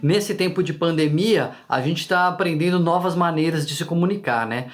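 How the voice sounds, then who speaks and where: A man's voice: on the high side, normal speed, over loud music. A man with a Brazilian Portuguese accent hosting his channel, explaining casually to the viewer and often tagging questions on to his sentences. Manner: conversational, frequent tag questions to the viewer; talks directly to the viewer. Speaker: channel host.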